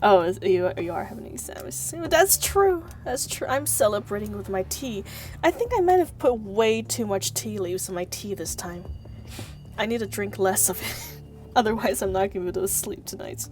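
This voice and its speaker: A playful, giggly woman livestreams a game, chatting with viewers, thanking them, reading story text aloud and exclaiming in mock scolding. Her medium-pitched voice is animated and a little mellow, at a normal speed. Music plays behind her.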